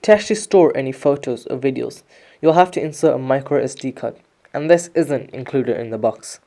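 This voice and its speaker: Mellow-voiced casual product reviewer. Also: medium pitch, fairly quick, vocal fry. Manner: informal, explanatory. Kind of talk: casual scripted-sounding product review narration.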